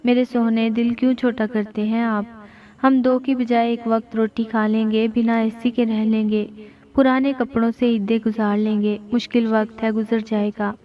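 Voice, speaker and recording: A man's voice: very high-pitched, level tone. A man voicing a loving, patient young wife who talks in a tender, coaxing way. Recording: dull lo-fi recording.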